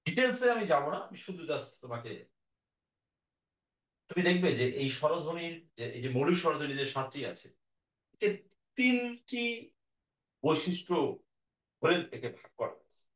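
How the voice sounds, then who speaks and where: A male teacher gives a recorded class lecture, speaking directly to students and patiently explaining slowly while sounding out vowels aloud. His fairly high, fairly bright voice has a sing-song quality, and the audio is dull and echoey.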